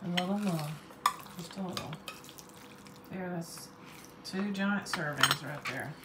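A woman's voice: on the low side, takes it slowly, heavy background noise. A middle-aged woman, a mother chatting with her family in a kitchen in a dry, teasing way. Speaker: mother of the host. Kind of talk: casual family chat. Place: home kitchen. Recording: roomy, far from the mic, loud clatter.

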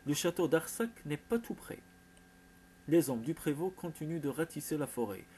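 A man voicing a blunt, gruff older medieval lord who talks in a stern, lecturing way. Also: a little high, lively intonation, normal speed, mellow, a little hiss or hum, close to an everyday voice.

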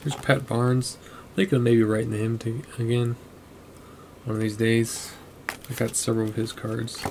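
A man sitting at a home desk, chatting to himself and his viewers as he flips through a box of cards. His voice stays flat and level, and noise hums clearly underneath the recording. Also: medium pitch, normal speed, poor audio. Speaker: card collector vlogger. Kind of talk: casual narration while sorting cards.

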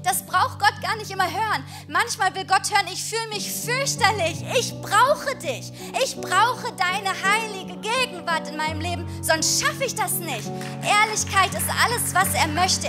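A woman's voice: high-pitched, sharp tone. A woman leading a worship night, preaching earnestly and encouragingly and reading scripture aloud in a church service. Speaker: worship leader. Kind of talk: devotional sermon during a worship night. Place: church service with music behind.

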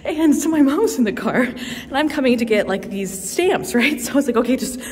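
A young travel vlogger chats casually to her handheld camera, bubbly and saying "like" constantly. Her voice sits high and is a little mellow, expressive and at a normal speed.

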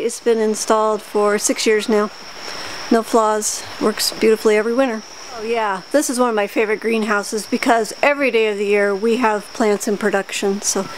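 A middle-aged woman farmer explaining things plainly as she leads a tour through her greenhouses. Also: fairly high pitch. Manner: plain, practical explaining with fillers. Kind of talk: casual guided tour. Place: inside greenhouses on a farm. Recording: noisy outdoor-style background.

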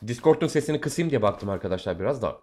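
A man's voice: mid-range voice, animated, fast talker, darkish tone. A young man hosting a gaming video, bantering with a friend and talking to his viewers as they play. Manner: joking banter, addressing viewers. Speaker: gaming channel host. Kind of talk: casual gameplay chat with a friend.

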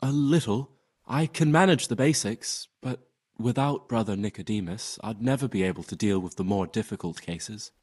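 A humble helper monk in a medieval game. The voice is low and husky, plain and modest. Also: male voice, moderate pace, darkish tone. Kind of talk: video game dialogue acting.

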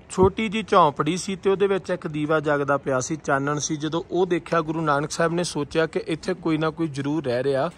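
Punjabi travel vlogger, lively mountain narration. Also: male voice, fairly high pitch. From Punjab, India. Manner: reverent storytelling, then enthusiastic scenery commentary. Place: outdoors in mountains.

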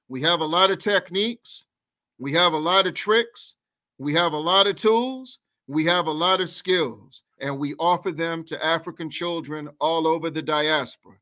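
On a video call, a middle-aged activist appearing as a guest gives an impassioned political speech during an interview, using a headset mic from a room at home. His voice sits high with a bright, forceful edge. He piles phrase upon phrase in rhythmic, repetitive oratory, as though working a crowd.

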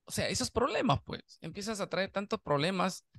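Hesitant host with a gravelly voice. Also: medium pitch, expressive, moderate pace, a bit bright, no echo. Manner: hesitant, restarting sentences. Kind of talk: casual conversation.

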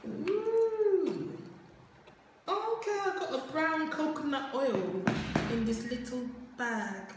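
Hoarse-voiced female vlogger, slow and unhurried delivery, echoey room with long reverb. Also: high-pitched, heavy background noise. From London. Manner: excited cooing, frequent "ooh". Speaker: beauty vlogger. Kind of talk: casual unboxing vlog.

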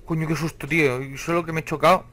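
A man's voice: a little high, steady tone, quick pace, bright, forceful tone. A young man with a Spain Spanish accent doing let's-play commentary on a horror game, jumpy, swearing and talking back at the screen. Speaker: gaming channel host.

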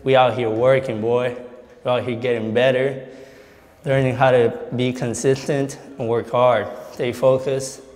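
Teen player from Costa Rica, flat-toned casual talk; reverb, music behind. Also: male voice, medium pitch, measured pace, a little hiss or hum. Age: teens. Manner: upbeat, loose casual talk. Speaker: high school player. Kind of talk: interview.

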